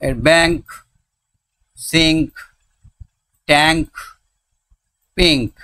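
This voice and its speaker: A man, tutoring young children through homework, counting slowly and drilling words one by one. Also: a little high, fairly even intonation, bright, forceful tone, smooth. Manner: slow, patient counting and word-by-word pronunciation drills. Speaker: teacher.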